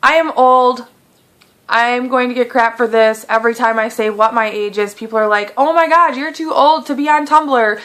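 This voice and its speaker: Her voice runs on the high side at a normal pace as this late-twenties beauty vlogger works through a casual Q&A. She's chatty and full of fillers, quotes others with animation, and keeps coughing and clearing her throat from a lingering cough.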